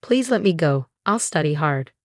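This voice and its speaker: An earnest teenage boy from a storybook pleads for a chance to study, read by a woman narrator. The voice sits fairly low, and the sound is dry and close. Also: animated, moderate pace, no echo. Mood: pleading.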